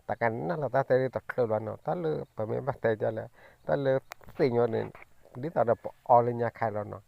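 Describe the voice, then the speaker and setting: A man tells a story in a slow, rambling way, pausing on fillers as he goes. His voice is heavily gravelly and full of fry. The recording is dull and lo-fi. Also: medium pitch. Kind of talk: casual storytelling.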